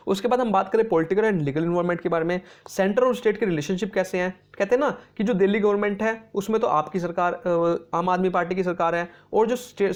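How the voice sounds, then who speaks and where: A high-pitched man with a darkish tone delivers an exam-prep lecture, explaining with English terms mixed in. "Okay" comes up often as he checks in, and he reads English definitions slowly.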